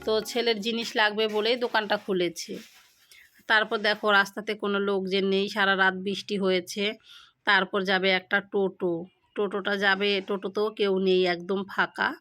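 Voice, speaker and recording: A middle-aged woman chats through a home vlog in a flat, even voice, pausing often as she speaks slowly and haltingly, unwell with a headache. Her phone sits set down nearby, and faint music plays under her talk. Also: medium pitch. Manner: slow, halting talk with pauses. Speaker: vlogger. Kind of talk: casual daily-life vlog. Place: home kitchen and village shop.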